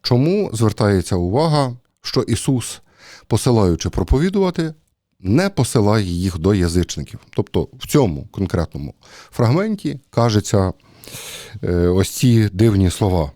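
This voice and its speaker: A man with a low, mellow voice preaches a homily in an easy, talky way. He stops often with fillers as he thinks aloud. The sound is close and dry, with no room echo. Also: big pitch swings, moderate pace. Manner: conversational, hesitant with many fillers. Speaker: priest. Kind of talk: sermon.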